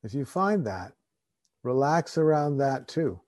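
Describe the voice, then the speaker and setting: A man guiding a meditation in a slow, calm, soothing way, with long pauses between phrases. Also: medium pitch, no room sound, clean studio sound. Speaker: meditation teacher. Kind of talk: guided meditation.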